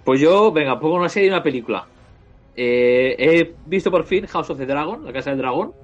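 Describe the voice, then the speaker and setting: A man's voice: on the high side, lively intonation, brisk. A man with a Castilian accent giving casual reviews as a podcast panelist. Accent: Castilian Spanish. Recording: dull lo-fi sound, music behind.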